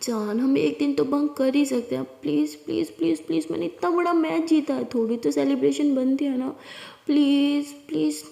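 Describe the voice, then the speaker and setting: A playful young college woman teases and coaxes in a raised, gravelly voice, as a woman narrator puts her on. The tone stays mellow, and a long reverb trails every word. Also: high voice, steady tone, moderate pace, hardly any pauses. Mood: teasing. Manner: coaxing, teasing. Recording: echoey room with long reverb.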